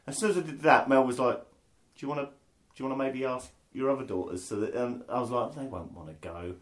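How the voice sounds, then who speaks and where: A man, co-hosting a podcast and telling sweary, animated anecdotes. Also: medium pitch, quick pace. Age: 40s. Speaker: podcast co-host. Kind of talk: casual storytelling.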